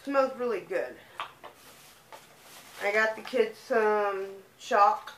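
Slow-talking woman with a lisp. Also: mid-range voice, a bit bright, a little hiss or hum. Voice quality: lisp and speech impediment. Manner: chatty, easygoing, unhurried show-and-tell. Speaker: vlogger. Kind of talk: casual shopping haul chat. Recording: echoey room.

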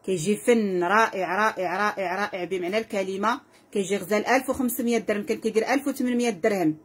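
Woman, Moroccan accent, live sales host, fast, husky, effusive. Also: mid-range voice. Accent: Moroccan Arabic. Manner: effusive, repetitive, calls out prices and blessings to viewers.

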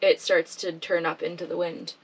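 Woman in her 30s telling animated stories in a boat cabin, voice slightly distant. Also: on the low side, normal speed, husky. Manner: lively storyteller, laughs and acts out quotes. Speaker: guest sailor. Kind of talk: casual interview chat. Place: small boat cabin, indoors.

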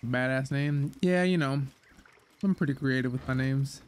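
A man's voice: medium pitch, normal speed, a little hiss or hum. A man casually commenting as he plays a video game, chatty and reacting aloud. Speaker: gaming streamer. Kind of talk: casual let's-play commentary.

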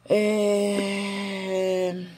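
Slow, patient woman teaching a lesson. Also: mid-range voice, level tone, darkish tone, husky. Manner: patient, repeats examples slowly with filler "eh". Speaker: Korean language teacher. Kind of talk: casual whiteboard lesson.

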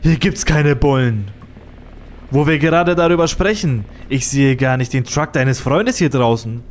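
A man's voice: mid-range voice, a little slow, slight background noise, close to an everyday voice. A man voicing a menacing male stalker who pleads falsely and then threatens. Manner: sneering, threatening, falsely friendly.

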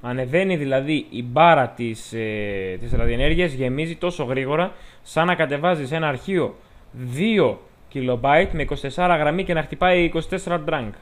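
A man with a Greek accent giving chatty, joking let's-play commentary, talking to the game's characters as he plays. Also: a little high. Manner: chatty, jokey, talks to the game characters. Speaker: gameplay commentator.

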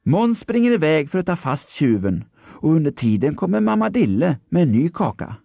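A man narrating a children's story, expressive and storytelling. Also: a little high, vocal fry, no room sound, studio quality.

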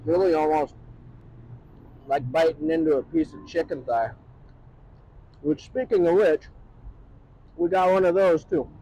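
Vehicles pass audibly as a middle-aged vlogger stands on a city street at night and talks about food in a casual, plain-spoken, enthusiastic way. His fairly high voice has a dark tone, he speaks a little slowly with long pauses, and the highs in the recording are cut off.

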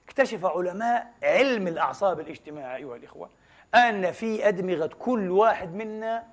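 A man preaching a Friday sermon. He asks the congregation many rhetorical questions and mixes formal with colloquial dialect and foreign words. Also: high-pitched.

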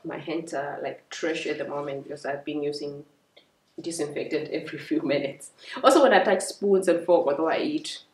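A woman's voice: low-pitched, moderate pace, a little mellow. A young woman, a working mother, chatting casually in a vlog and explaining step by step with fillers. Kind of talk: casual vlog talk to camera. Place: home, indoors. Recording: echoey room, mic at a distance.

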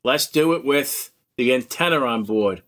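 A man's voice: mid-range voice, expressive, measured pace, a bit bright. A man hosting a radio hobby video, talking bluntly and emphatically while demonstrating gear. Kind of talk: casual demo talk.

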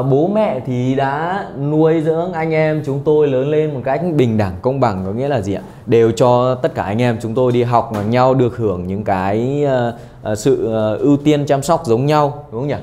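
A man's voice: medium pitch, warm tone. Man, young adult, Japanese teacher, online lesson, keeps checking in with students. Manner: keeps checking in with "được chưa?", mixing in Japanese phrases. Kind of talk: online exam-prep lesson.

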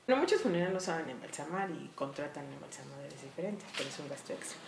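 A woman with a Mexico City accent talks through her work in a relaxed interview, lively and quick to fall back on fillers. Her voice sits a little low for a woman. The small room rings with a roomy echo. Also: creaky, background noise. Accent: Mexico City Spanish. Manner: lively storytelling with frequent fillers. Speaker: funeral director and embalmer. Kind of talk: casual interview.

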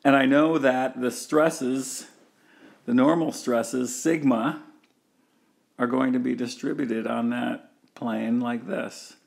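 A man's voice: mid-range voice, fairly even intonation, slow, gravelly. A man giving a recorded engineering lecture, walking through a diagram step by step with frequent fillers and restarts.

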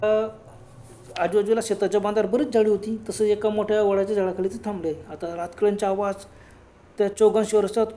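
A man narrating a ghost story in a dramatic, unhurried way, with exclamations. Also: high voice, little pitch movement, dark tone. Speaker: storyteller, channel host.

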